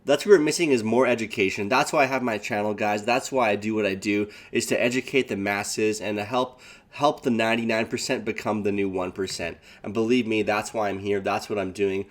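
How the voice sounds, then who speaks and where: A man's voice: lowish voice, fairly even intonation, a little fast. A man hosting his own channel, talking casually with hype while reading news and quotes aloud. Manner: hyped, repeats "guys", reads quotes aloud. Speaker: crypto channel host.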